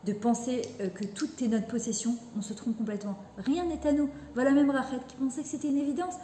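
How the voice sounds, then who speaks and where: A middle-aged woman teaches a religious lesson in an earnest, heartfelt way, sprinkling Hebrew terms through her speech. Her voice sits a little high but sounds mellow and soft-edged. The room around her rings with echo. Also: steady tone, fast, slight background noise.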